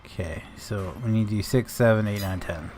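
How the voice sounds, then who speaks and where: A man's voice: lowish voice, brisk, music in the background. A man live-streaming a farming game, chatting loosely with viewers, greeting and thanking them and swearing casually, tired and grumpy.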